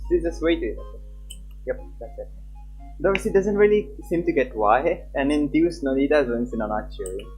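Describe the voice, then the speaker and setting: A young adult man livestreams a game, chatting casually and reading text aloud in an animated, fairly high, slightly mellow voice at normal speed. Game music plays behind him, and his lo-fi stream mic sounds slightly muffled.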